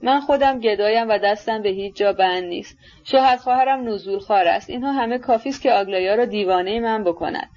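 A woman's voice: mid-range voice, a little mellow, close to an everyday voice. A woman reading the part of a bitter, sneering young man in an audiobook, muttering sarcasm. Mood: venomous. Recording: dull lo-fi recording.

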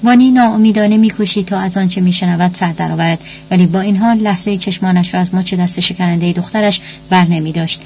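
A woman's voice: lowish voice, darkish tone. Woman reading a tense audiobook. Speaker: narrator. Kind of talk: audiobook narration. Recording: dull lo-fi recording with faint hum.

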